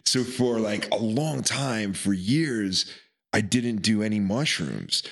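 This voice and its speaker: A man in a relaxed conversation, spinning a long rambling story. His voice sits low, and he slips into quoted voices and laughter as he goes. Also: slow pace, creaky, breathy edge. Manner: laid-back, rambling, acts out quotes, laughs often. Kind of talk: casual storytelling chat.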